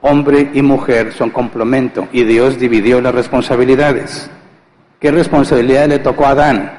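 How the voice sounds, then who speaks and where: With a mid-range, darkish voice at normal speed and fairly even intonation, a male pastor gives a chatty sermon in church, asking and answering rhetorical questions and playing out household scenes for laughs. The audio is poor, with a big-room sound.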